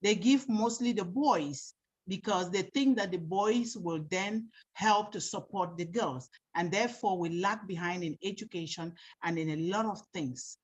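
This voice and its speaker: A woman's voice: medium pitch, husky. A woman from Samoa giving an earnest, heartfelt speech on a video call. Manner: earnest, quoting scripture. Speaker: meeting participant. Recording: muffled lo-fi call audio.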